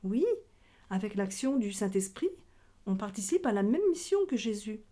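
A catechism teacher, a woman with a medium-pitched, dark-toned voice, speaks at a normal speed with lively intonation. She leads a children's religion lesson in question-and-answer form, explaining things simply as if to young listeners.

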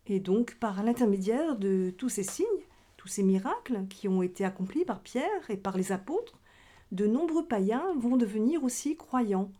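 A woman's voice: medium pitch, lively intonation, moderate pace, warm tone. A woman teaching a children's religion lesson, explaining things simply as if speaking to young listeners. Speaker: catechism teacher. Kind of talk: children's religion lesson in question-and-answer dialogue.

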